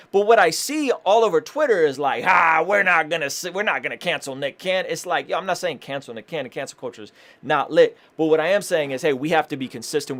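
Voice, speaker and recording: A man's voice: a little high, fairly bright tone. Impassioned man ranting to camera. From Armenian family. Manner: impassioned, repetitive restarts, casual slang. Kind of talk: direct-to-camera commentary.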